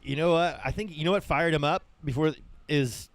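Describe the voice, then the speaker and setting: Male co-commentator, slightly high voice, casual surf chat, laid-back slang, dry sound. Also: brisk, no echo.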